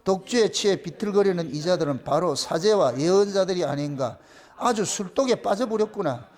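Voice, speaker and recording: Emphatic pastor with a Gyeongsang accent. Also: male voice, high voice, lively intonation, moderate pace, darkish tone. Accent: Gyeongsang Korean. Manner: emphatic, mocking, rhetorical questions. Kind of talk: sermon.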